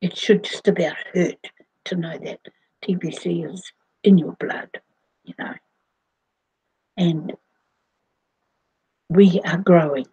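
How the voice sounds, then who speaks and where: A woman, talking slowly to her viewers in a rambling way, with many fillers and restarts. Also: fairly low pitch, steady tone, mellow, low-quality recording. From New Zealand. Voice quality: husky. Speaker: vlogger. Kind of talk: casual monologue to camera.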